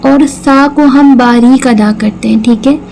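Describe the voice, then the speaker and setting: A woman's voice: high-pitched, fairly even intonation, a little slow, gravelly, darkish tone, a little hiss or hum, rough recording. A woman teaching Quran recitation, patiently explaining each sound step by step and repeating words. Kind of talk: slow tajweed lesson with recitation.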